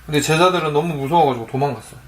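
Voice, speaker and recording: A man's voice: on the high side, very fast, a bit bright, a little hiss or hum. A father reading a picture book aloud to his young child, patiently asking her questions as he reads.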